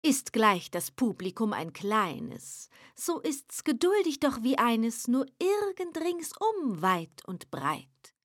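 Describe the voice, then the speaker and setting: A woman voicing a courteous, sly male devil who speaks in soft, low, purring politeness in a recited poem. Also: big pitch swings, takes it slowly, hardly any pauses, dry recording, studio quality, heavily acted. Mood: sly courtesy.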